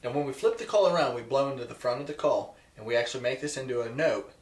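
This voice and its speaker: A man's voice: medium pitch, fast. A man presenting an instructional video to viewers, emphatic and repeating key points for stress. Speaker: presenter teaching goose calling. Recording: echoey, roomy sound.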